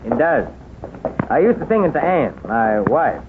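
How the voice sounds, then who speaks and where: A wistful American cowboy widower in an old radio western. He talks in a folksy, halting way with lively pitch swings. The recording is thin and clearly noisy. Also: narrow, tinny audio. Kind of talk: 1930s radio western acting.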